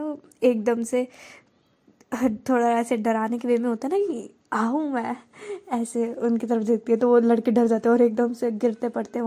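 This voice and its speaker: Mellow-voiced woman telling a story. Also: fairly high pitch. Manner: relaxed, conversational, mixing in English words. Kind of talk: casual story narration.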